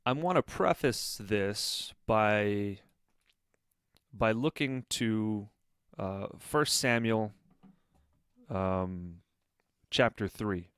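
Man, low and clear, earnest commentary with many fillers. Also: drawn-out words, long pauses, fairly bright tone, no room sound, clean studio sound. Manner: earnest, with frequent fillers and restarts. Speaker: online commentator. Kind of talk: critical commentary video.

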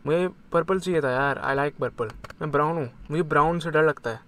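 A young man giving chatty, excitable commentary on his game, mixing Hindi and English. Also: fairly high pitch, a little fast. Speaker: gamer. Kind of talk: casual gaming commentary.

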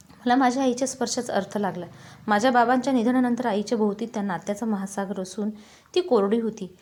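A woman reading a heartfelt story aloud in a calm, measured, emotive way. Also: on the high side.

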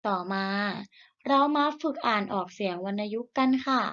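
A woman teacher giving a recorded reading lesson to young children. She speaks slowly, models each sound clearly for the children to repeat, and encourages them gently. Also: medium pitch, highs cut off. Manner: slow, deliberate modelling of sounds for repetition. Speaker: primary school teacher.

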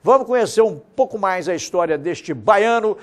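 A man's voice: high-pitched, animated, normal speed. A man presenting local TV news in a studio, emphatic and gesturing as he appeals straight to viewers. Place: TV studio set.

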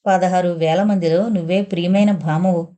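A woman's voice: on the low side, fairly even intonation, normal speed, warm tone, lightly acted. A woman voicing a tender young rich lover. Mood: teasing fond. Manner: affectionate, coaxing.

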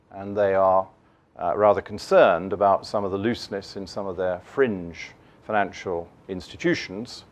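A middle-aged man giving a keynote on markets from a lectern, measured and dotted with fillers and restarts. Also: lowish voice. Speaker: investment keynote speaker. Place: conference room, standing at a lectern.

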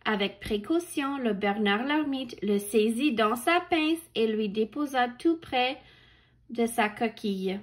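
Woman reading a picture book to children: slow, patient, slightly high, stops to explain the pictures and count along. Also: animated. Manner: corrects her own misreadings. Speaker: children's story reader.

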